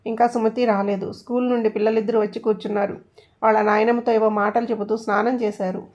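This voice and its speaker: A woman reading a family story aloud as narrator, even and measured. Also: a little high, muffled recording.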